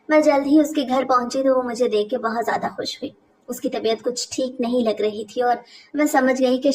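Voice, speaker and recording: A woman narrating a first-person family story in a steady, confiding way. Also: fairly high pitch, far from the mic.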